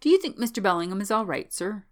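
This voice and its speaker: In an audiobook, a woman voices a wrinkled old manservant who is deferential, chatty, worried and confiding, speaking in rustic, servile, ungrammatical fashion and saying "sir" often. Her mid-range delivery is expressive, fast and lightly acted, pitched above her natural voice.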